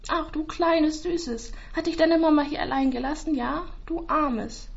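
A woman voicing an impulsive, moody young girl with a cooing, then shrill and agitated manner. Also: unhurried, vocal fry, lo-fi sound.

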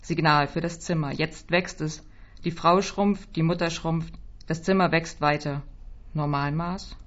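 This reader's deep voice holds a steady tone as she delivers a quiet, measured literary passage in the first person, frequently letting her voice fall softly. The recording sounds slightly dull.

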